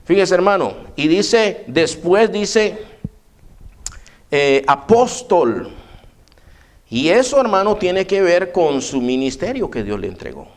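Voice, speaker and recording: High-voiced man preaching a sermon. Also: sing-song, slow. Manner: emphatic, keeps addressing listeners as brother. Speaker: pastor. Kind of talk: evening church sermon. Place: church.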